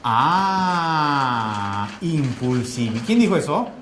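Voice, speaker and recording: A man with a Peruvian accent giving a classroom lecture, firing quick questions at his students in a colloquial way. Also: on the high side, big pitch swings, a bit bright, slight background noise. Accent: Peruvian Spanish. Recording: echoey classroom.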